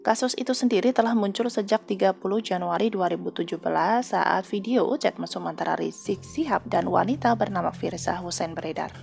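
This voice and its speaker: A woman's voice: mid-range voice, fairly quick, gravelly, few pauses, a little mellow, faint music behind. A woman hosting a news channel, reading the news in a chatty way and addressing her listeners informally. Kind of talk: casual news narration.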